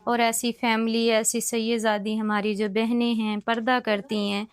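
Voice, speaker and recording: A woman charity worker interviewing a family, asking gentle, consoling questions. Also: fairly high pitch, flat delivery, clean tone, no echo. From Pakistan. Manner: gentle, consoling, asks soft leading questions. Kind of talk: sympathetic on-site interview.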